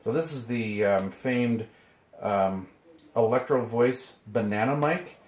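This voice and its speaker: A hobbyist radio collector hosts an unboxing video, his mid-range, darkish voice moving at a slow pace. He rambles casually and mutters to himself while pulling items from boxes indoors. The room echoes, and noise and clicks are clearly audible.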